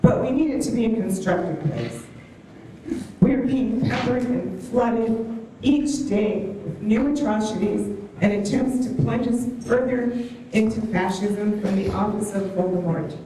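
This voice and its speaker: Her mid-range voice carries lively intonation and an unhurried pace as this woman gives an earnest, rousing, soft-spoken address on stage at a town hall podium. Recorded from a distant stand mic, the large hall echoes, and there's slight background noise.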